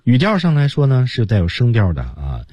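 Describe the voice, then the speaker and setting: A male radio host teaching English in a bilingual lesson, often breaking into English phrases with big exaggerated pitch jumps to demonstrate them. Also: huge pitch swings, fairly quick, mellow, husky, no echo, dull audio. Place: radio studio.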